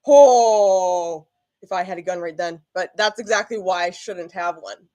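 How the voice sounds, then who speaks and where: A woman's voice: lowish voice, fairly even intonation, fairly quick, fairly bright tone. A woman vlogger giving casual reaction commentary, candid and rambling, with frequent swearing.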